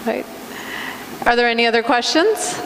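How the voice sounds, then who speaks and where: A woman's voice: a little high, animated, normal speed, gravelly. A woman acting as session moderator, summing up and taking questions at a conference. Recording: echoey hall with background noise.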